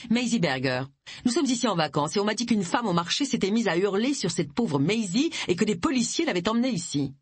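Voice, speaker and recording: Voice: medium pitch, very animated, fairly quick, breathy edge, no room sound, pitched above the performer's own voice. A narrator voicing a tall man who demands answers indignantly. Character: tall indignant husband on holiday.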